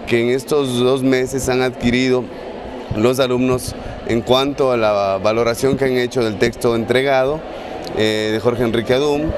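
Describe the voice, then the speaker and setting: A man, giving a formal, halting interview answer as an official. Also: mid-range voice. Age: 40s. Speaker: culture ministry official. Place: large hall full of students. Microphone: handheld reporter's microphone. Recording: noisy hall ambience behind.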